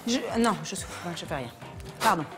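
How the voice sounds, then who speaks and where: A woman's voice: fairly low pitch, lively intonation, music in the background. A woman hosting a TV talent show, bantering playfully with a magician on stage. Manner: playful, chatty, quick quips. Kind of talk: bantering with a performer. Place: TV studio stage.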